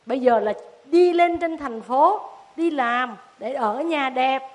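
A cold, commanding rich woman from the city in a told storybook tale, voiced by a woman. She talks in clipped, bossy orders, her voice fairly high and pressing. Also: takes it slowly. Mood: cold explaining. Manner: bossy, curt.

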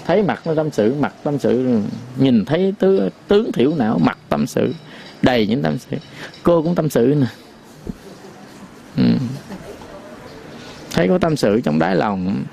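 A man giving a Buddhist sermon, folksy and repetitive, sometimes chanting verse lines slowly. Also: on the high side, expressive, vocal fry, mellow, a little hiss or hum. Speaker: Buddhist teacher.

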